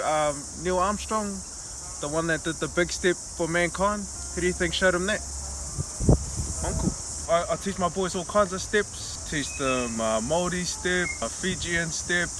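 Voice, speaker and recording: A man's voice: fairly high pitch, background noise, natural voice. A man with a New Zealand accent playing a boastful, rambling sidestep coach in a comic monologue, recorded outdoors with crickets behind. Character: boastful male sidestep coach, self-styled master.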